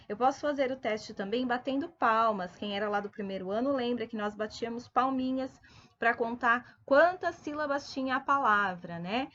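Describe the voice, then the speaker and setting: A woman teaching a primary school video lesson, patiently addressing children and sounding out words slowly, syllable by syllable. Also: on the high side, fairly bright tone, muffled recording. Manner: slow, deliberate syllable-by-syllable enunciation.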